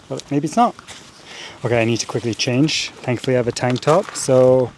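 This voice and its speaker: A man's voice: mid-range voice, a little mellow, a little hiss or hum. A man chatting casually and informally as he vlogs a run, thinking aloud in an upbeat way. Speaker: vlogger, trail ultra runner. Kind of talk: casual vlog chat. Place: mostly outdoors. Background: music.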